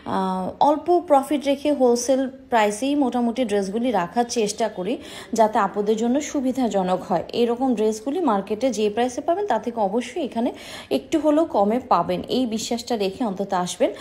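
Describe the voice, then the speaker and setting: A woman's voice: fairly high pitch, animated, moderate pace, dark tone. A woman in her thirties, a boutique owner, showing dresses in an eager, persuasive sales vlog in a small indoor shop. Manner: enthusiastic, persuasive, addresses viewers as sisters.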